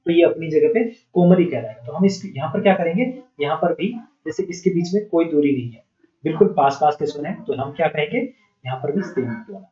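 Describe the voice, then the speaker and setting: A man's voice: a little high, a little fast, dark tone. Man teaching music theory, echoey. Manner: asks rhetorical questions and answers them himself. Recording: dull, echoey room sound.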